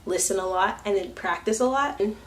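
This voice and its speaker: A woman's voice: mid-range voice, fairly quick. Chatty young woman vlogging candidly. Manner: chatty, laughs often, acts out what others say; talks while curling her hair. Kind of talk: candid personal vlog.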